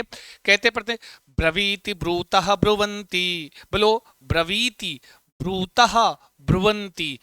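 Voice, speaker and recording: Bright, high-voiced Hindi-speaking Sanskrit teacher. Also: male voice, clean tone, no room sound. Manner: chanting verb forms, coaxing students to repeat aloud; playful scolding, calls students beta. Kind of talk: classroom lesson with call-and-repeat drills.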